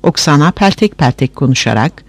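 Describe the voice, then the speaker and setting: A man narrating a story aloud in an expressive, animated way. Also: on the high side, fairly quick, no echo.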